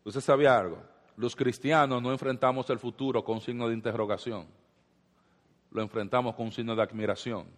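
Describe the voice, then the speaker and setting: A male pastor preaching to his congregation, firing rhetorical questions and building repeated lines. His mid-pitched voice carries a long reverb tail, as if recorded in a large church sanctuary. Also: fairly even intonation, brisk. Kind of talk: sermon.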